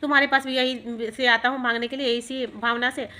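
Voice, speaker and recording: A gentle wandering holy man who answers insults with blessings, as a woman storyteller puts him on. The speech is calm and kindly yet quick, with a bright tone. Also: a little high.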